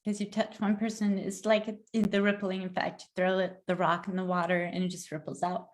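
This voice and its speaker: A woman's voice: on the low side, flat delivery, brisk. A woman hosting a podcast, chatting casually in a gushing, effusive way with lots of fillers. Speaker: podcast host. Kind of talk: casual chat.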